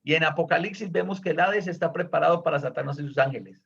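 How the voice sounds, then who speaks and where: A man's voice: a little high, fast, vocal fry, fairly bright tone. A man teaching a Bible study, explaining earnestly and stepping in to correct a student, on a dull lo-fi recording.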